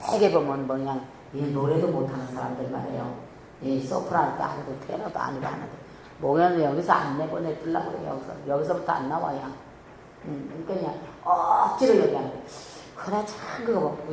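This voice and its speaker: A woman's voice: low-pitched, vocal fry, a little mellow, slight background noise. A woman pastor giving an emphatic, colloquial sermon.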